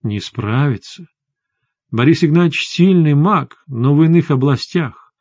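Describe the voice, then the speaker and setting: A man's voice: on the high side, animated, measured pace, darkish tone, dry recording, clean studio sound. A man voicing a weary, stern sorceress. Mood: grave.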